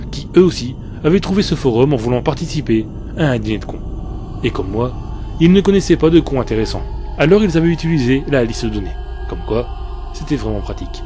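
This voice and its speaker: A man reads a scripted first-person creepypasta as a narrator, with soft music behind him. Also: mid-range voice. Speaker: horror story narrator. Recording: faint music bed behind the voice. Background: soft background music.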